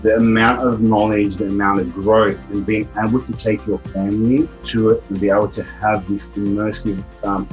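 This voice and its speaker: A man's voice: on the low side, level tone, normal speed, few pauses, soft background music, rough recording. A middle-aged man giving a heartfelt personal testimonial about a seminar, telling a family story earnestly. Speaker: event attendee giving a testimonial.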